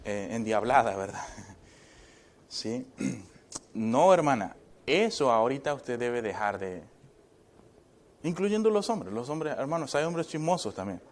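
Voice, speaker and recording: A male pastor delivers a sermon in a chatty, back-and-forth way, constantly tossing short questions to his listeners. His voice sits at an ordinary middle pitch. Joking asides come through now and then. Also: very animated, unhurried, pauses often. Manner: conversational preaching, constant checking questions to the congregation. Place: church.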